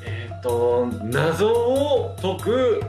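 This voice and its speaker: Hesitant young man with a higher, lively voice. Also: very slow, echoey room, over music. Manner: hesitant, lots of fillers when explaining, teasing. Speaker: podcast co-host. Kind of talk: casual comedic game chat.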